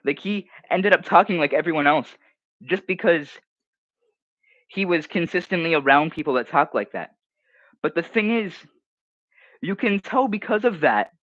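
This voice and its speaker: A man's voice: on the high side, expressive, normal speed, long pauses, fairly bright tone, dry recording, highs cut off. Young man rambling through a mocking livestream. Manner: rambling, mocking, restarts mid-sentence. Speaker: streamer. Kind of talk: casual livestream commentary reading comments.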